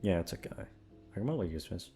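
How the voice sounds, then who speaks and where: A young audio channel host talks to his listeners at a quick pace in a low, warm, sing-song voice. His chat is casual, rambling, and full of swearing, set against guitar music.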